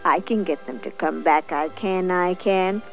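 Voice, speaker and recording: A woman's voice: on the low side, a little slow, gravelly, faint music behind, rough recording. A woman playing a cocky rabbit. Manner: cocky, teasing. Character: boastful male rabbit.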